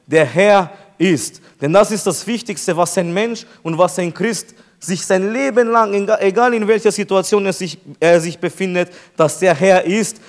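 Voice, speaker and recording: A pastor preaching an emphatic sermon to his congregation, slowing down to repeat key phrases. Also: high voice.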